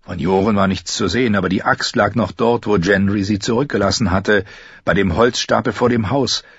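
Male audiobook narrator, fantasy novel, husky low voice, steady telling, dull dry lo-fi recording. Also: fairly quick, dry recording. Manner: steady storytelling, raises his voice high for the characters' lines.

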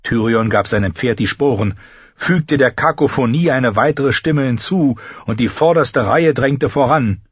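Husky-voiced man narrating a fantasy audiobook. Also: mid-range voice, unhurried, no room sound. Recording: slightly dull lo-fi dry recording.

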